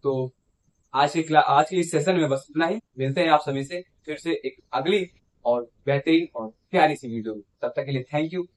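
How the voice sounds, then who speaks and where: A man's voice: fairly high pitch, moderate pace. A man teaching English vocabulary in a repetitive classroom style, repeating each word, asking it back and checking in after every phrase. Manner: ends phrases with a checking "theek hai". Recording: dull lo-fi sound.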